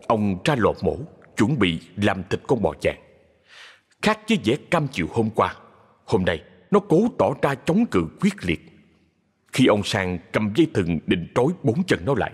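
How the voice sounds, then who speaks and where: A man narrating a ghost story in a measured, expressive storytelling voice. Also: lowish voice, slightly rough.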